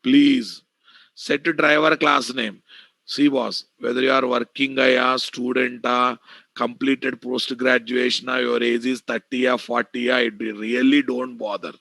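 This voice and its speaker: A man's voice: medium pitch, flat delivery, a little slow, creaky, pushed and bright, dry recording. A man with an Indian Telugu accent teaching a live online programming class, bluntly addressing students and repeating key phrases. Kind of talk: live online technical lecture.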